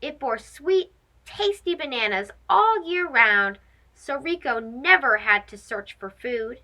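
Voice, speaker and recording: Reading a storybook aloud to young children, a woman speaks in a high voice and takes her time. She narrates expressively and in an animated way, talking straight to her little listeners.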